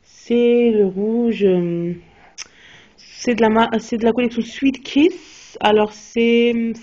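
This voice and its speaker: Her voice sits on the high side yet has a dark tone, and she speaks slowly with fairly even intonation. This young beauty vlogger casually runs through a haul of recent purchases, hesitant and full of fillers and restarts. It was captured on a phone, with dull, lo-fi sound.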